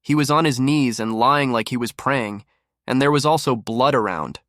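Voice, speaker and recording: A man's voice: mid-range voice, normal speed, a bit bright, dry recording, clean studio sound. A man delivering scripted gossip commentary as a narrator.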